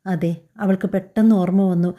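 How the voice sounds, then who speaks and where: A woman narrating a family drama as scripted storytelling, reading the characters' lines in her own gentle, even voice. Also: medium pitch, moderate pace, dull audio.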